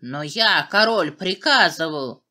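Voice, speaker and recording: A woman voicing a foolish, lazy adult male king who squeals out his orders in a shrill voice. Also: very animated, slow pace, sharp tone, husky, exaggerated voice. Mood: shrieking. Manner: shrill, stamping, commanding.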